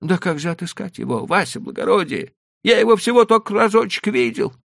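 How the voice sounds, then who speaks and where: A man voicing a timid, anxious male horse trader in a high, whining, pleading voice for an audiobook. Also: big pitch swings, brisk, creaky, no echo, studio quality, full character voice. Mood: fretful. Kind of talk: audiobook character voice.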